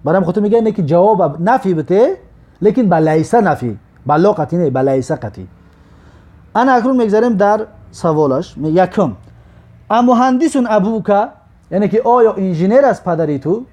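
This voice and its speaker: A man with a Tajik accent teaching Arabic grammar, slowly drilling example words and stopping to check understanding. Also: high-pitched, lively intonation, mellow. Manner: slow, drawn-out drilling of example words, repeated for students; checks understanding with short asides. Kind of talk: recorded grammar lesson.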